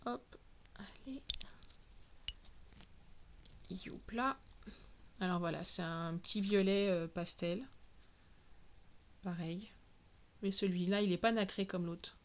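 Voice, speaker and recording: A woman talking casually through a product unboxing, spelling out each product name slowly and clearly. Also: medium pitch, dull audio, a little hiss or hum. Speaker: nail product reviewer.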